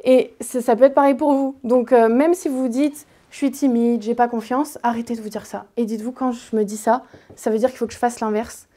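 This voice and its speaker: A woman's voice: fairly high pitch, fairly even intonation, brisk, warm tone. Casual young woman giving a mindset talk. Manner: casual, direct, addresses audience informally with fillers. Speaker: motivational speaker. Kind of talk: conference talk to students. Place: lecture hall at a business school.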